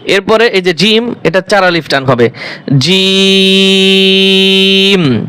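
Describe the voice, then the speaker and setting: A man with a fairly high voice teaching a step-by-step Quran recitation lesson. He patiently drills each letter sound, saying it over and over, and asks his students questions that he answers himself. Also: lively intonation, normal speed, a bit bright. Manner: patient, repeats each letter aloud several times.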